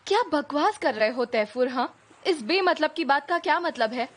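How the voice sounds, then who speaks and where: A woman's voice: sits high, expressive, moderate pace. An actress dubbing a restless young woman who scolds and reasons with a lovesick suitor in drama dialogue. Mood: annoyed. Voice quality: scolding, exasperated. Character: restless young woman, exasperated and sharp-tongued. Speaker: dubbed drama lead.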